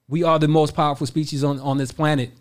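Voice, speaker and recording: A man's voice: on the high side, level tone, quick pace. Emphatic man in his forties. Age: 40s. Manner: emphatic, repeats phrases, addresses listeners as y'all. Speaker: podcast guest. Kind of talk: motivational podcast talk.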